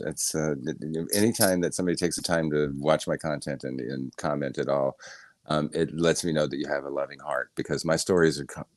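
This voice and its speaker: Male guest, extremely deep voice, hesitant and thankful, dry sound. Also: no echo. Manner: grateful, soft-spoken, hesitant. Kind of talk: interview answer.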